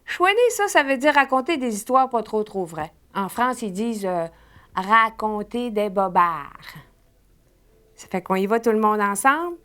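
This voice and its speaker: A woman with a Saguenay Québécois accent giving a mock language lesson, speaking slowly and drilling words for the class to repeat. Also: mid-range voice, a bit bright, smooth. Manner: slow, deliberate drill-style teaching with repetition. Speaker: comic language teacher.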